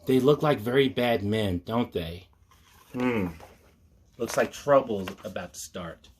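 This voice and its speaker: A man hosts storytime, reading a picture book aloud in a measured storyteller's manner and adding mock-earnest asides. His voice is medium-pitched and darkish, with a little hiss or hum in the recording.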